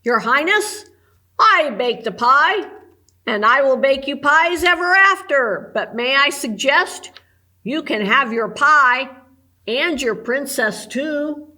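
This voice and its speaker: A woman's voice: sits high, expressive, slow pace, pushed and bright, full character voice. A woman voicing an eager, polite male cook in a storybook read-aloud, earnest and apologetic.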